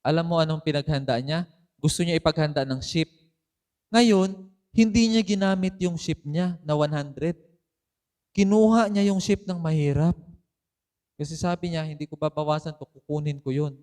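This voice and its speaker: Animated pastor telling a story. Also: male voice, on the high side, moderate pace, pauses often. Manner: storytelling, mixing in English phrases, rising emphasis. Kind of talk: sermon. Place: church.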